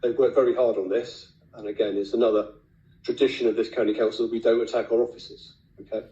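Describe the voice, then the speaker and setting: A man with a hoarse, raspy, failing voice, speaking bluntly as a councillor at a formal meeting. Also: medium pitch, level tone, quick pace, dark tone. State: losing his voice. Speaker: county councillor. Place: indoor council meeting room. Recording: echoey meeting room, muffled lo-fi sound.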